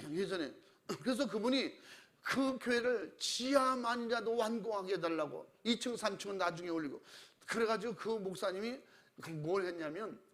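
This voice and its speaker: A middle-aged male pastor delivers a sermon with a fairly high, gravelly voice. He tells his stories animatedly, slipping into the voices of the people he quotes. Now and then he clears his throat. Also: normal speed, a bit bright.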